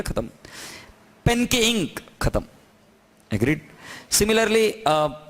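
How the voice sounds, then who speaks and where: A man teaching an accounting class, lecturing in a classroom and constantly asking his students questions. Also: a little high. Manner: lively, coaxing questions to students.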